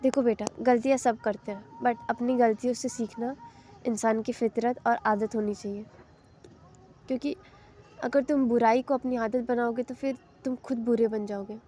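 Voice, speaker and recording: A woman voicing a caring middle-aged mother who gently lectures her grown daughter in a soft, motherly way. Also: fairly high pitch, steady tone, moderate pace, close to an everyday voice. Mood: scolding.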